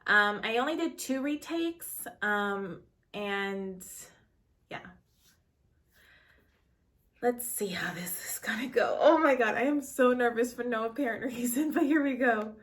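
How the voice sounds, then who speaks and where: In a casual reaction vlog, an actor in her late twenties chats nervously and rambles, using many fillers. Her voice is fairly high and a bit bright.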